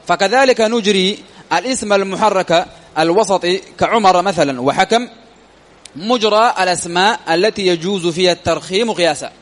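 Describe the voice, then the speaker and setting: Male grammar teacher, high voice, long echo; reads the text, then explains and quizzes himself. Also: fairly bright tone. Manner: reads quoted text then explains it, asks and answers his own questions. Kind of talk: classroom lesson explaining a text. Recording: long hall reverb.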